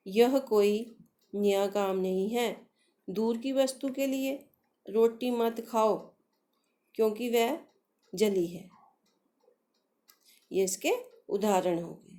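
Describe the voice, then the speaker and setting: A woman's voice: on the high side, darkish tone. A woman teaching a grammar lesson to schoolchildren, patiently asking questions and answering them herself, calling the pupils dear. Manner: addresses pupils affectionately. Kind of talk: Hindi grammar lesson for children.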